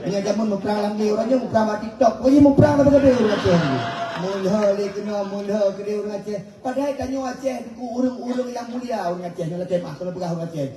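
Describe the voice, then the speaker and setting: Man, Acehnese accent, comic preacher, high voice, reverberant hall, far from the mic. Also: fast talker, a crowd in the background. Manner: joking, chatty, teasing the audience. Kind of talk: humorous Islamic sermon. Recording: echoey, distant mic.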